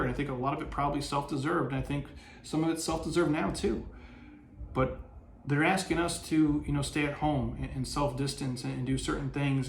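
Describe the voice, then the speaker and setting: A man hosting a motivational podcast, talking earnestly and casually, with restarts and some swearing. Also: mid-range voice. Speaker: podcast host. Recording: roomy echo, faint background noise.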